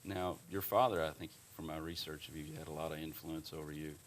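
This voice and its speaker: A man's voice: rumbling low, steady tone, a little fast, slight background noise. A man hosting a local TV interview show, reading a polished introduction and then asking questions with encouraging remarks. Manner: polished, encouraging, many short acknowledgments.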